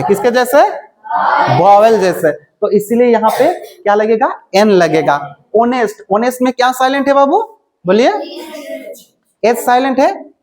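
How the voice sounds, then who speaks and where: Higher-pitched woman teaching grammar. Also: darkish tone. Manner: asks rhetorical questions and repeats answers. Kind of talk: classroom-style explanation.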